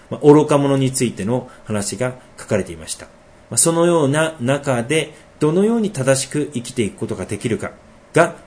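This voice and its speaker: A middle-aged man preaching a sermon, reading verses slowly and then explaining them in a conversational tone. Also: mid-range voice, a little mellow. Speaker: pastor.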